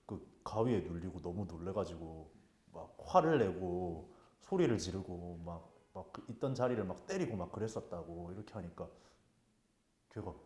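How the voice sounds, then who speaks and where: A man chatting casually and telling a ghost story, acting out his friends' lines and his own shouting with lively energy. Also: deep voice, moderate pace, reverberant. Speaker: guest storyteller.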